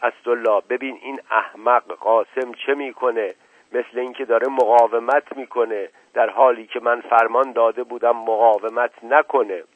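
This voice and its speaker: Man playing a proud old patriarch, slow, commanding, thin dry radio sound. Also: medium pitch, fairly even intonation, no echo, natural voice. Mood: stern. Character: proud, ailing older family patriarch. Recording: tinny dry radio recording.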